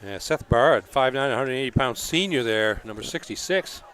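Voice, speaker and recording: A man with a mid-range voice provides color commentary at an outdoor high school football game. He explains the plays in a conversational way. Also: lively intonation, moderate pace, fairly bright tone.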